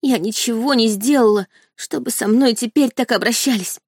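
A desperate young woman on the edge of tears, put on by a female reader for an audiobook. Her voice climbs high and frantic as she pleads, with a clingy, hysterical edge. The recording is dry and close. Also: moderate pace, a little mellow, dry recording, lightly acted. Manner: pleading, sobbing, high-strung.

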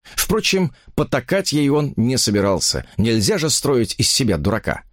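A male audiobook narrator reads scripted literary text with animation. His voice is mid-range at a moderate pace, recorded dry with clean studio sound.

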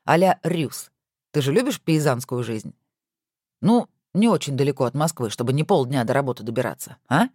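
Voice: medium pitch, expressive, normal speed, darkish tone, no echo, studio quality, lightly acted. A reader voicing a good-natured husband who banters playfully with his wife, in a storybook reading.

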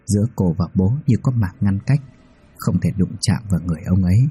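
A man narrating a ghost story in a measured, even manner. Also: deep voice, breathy edge. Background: faint music.

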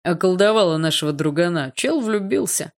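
A man's voice: sits high, a little fast. A woman voicing a laddish teenage schoolboy who jeers at others. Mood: jeering. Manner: jeering.

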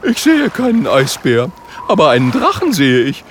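A man voicing a naive, curious little female seal in a storybook reading, with a very high, squeaky, wondering voice. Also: wildly swooping pitch, moderate pace, background noise. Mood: puzzled.

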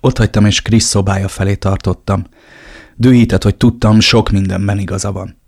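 A man narrating a novel in the first person, in a brooding, measured way. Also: fairly low pitch, steady tone, darkish tone, no echo, clean studio sound. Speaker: audiobook narrator.

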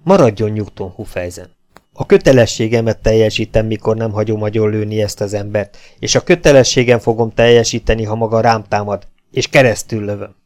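A man's voice: on the low side, a little mellow, natural voice. A man voicing a stern, commanding baron. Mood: warning. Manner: commanding, firm, raised voice. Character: stern, principled male baron, a legionnaire. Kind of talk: audiobook character voice.

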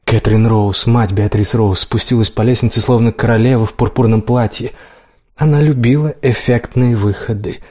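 A man reading a first-person audiobook in a steady, even manner. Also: medium pitch, normal speed. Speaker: audiobook narrator.

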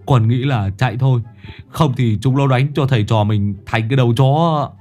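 A man's voice: mid-range voice, normal speed, mellow, faint music behind, natural voice. A man doing a blunt, nervous young sidekick. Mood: wary. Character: wary young male sidekick, blunt and scared.

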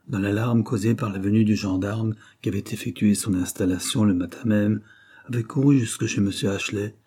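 A man narrating an audiobook in a steady, even reading manner. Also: fairly low pitch, husky. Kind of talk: scripted narration.

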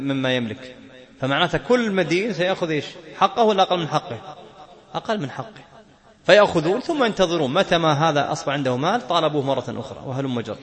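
A man teaching Islamic jurisprudence, reading a text and explaining it, often asking a question and answering it himself. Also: on the high side. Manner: questions and answers himself, laughs now and then.

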